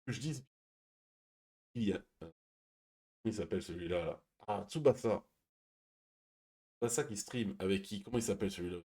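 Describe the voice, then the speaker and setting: A man hosting a stream, chatting casually and reading viewer messages, speaking quietly and laughing often. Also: lowish voice, moderate pace, pauses often. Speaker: stream host.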